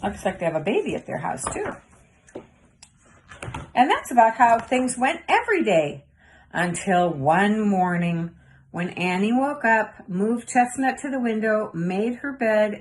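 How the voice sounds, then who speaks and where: A woman with a medium-pitched voice reads a storybook aloud to children, adding chatty asides for her young listeners. There is slight background noise.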